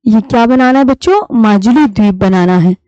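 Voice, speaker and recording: A woman teaching a live online class, patiently repeating key terms slowly for her students. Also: medium pitch, mellow, no echo. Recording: dull lo-fi stream audio.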